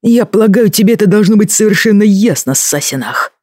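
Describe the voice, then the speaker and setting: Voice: medium pitch, lively intonation, normal speed, slightly rough, no echo, studio quality. A reader voicing a furious young Scottish husband. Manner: forceful, clipped, rising to shouts. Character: angry young Scottish husband, fiercely proud.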